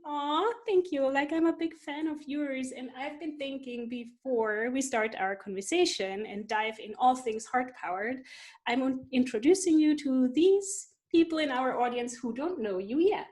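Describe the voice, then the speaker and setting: A woman's voice: high-pitched, moderate pace, a little mellow. A woman hosting an interview show, introducing her guest from a prepared script and then asking questions. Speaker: podcast host.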